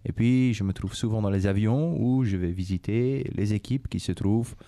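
Interviewed by schoolchildren, a middle-aged Flemish-accented Belgian executive whose mother tongue is Dutch gives calm explanatory answers in French. He has a warm, lowish male voice, and he speaks in a measured way, hesitating often, repeating himself and using many "euh"s and "et cetera"s.

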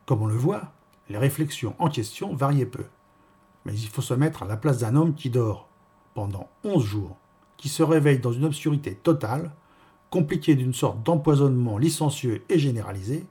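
A male narrator reads a novel aloud with a wry, measured delivery. His voice is husky and of middling pitch. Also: expressive, mellow. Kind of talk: audiobook reading.

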